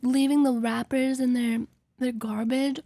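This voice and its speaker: A woman's voice: sits high, level tone, a little slow, warm tone, no echo. A woman reacting to videos in casual chat, slangy and swearing freely.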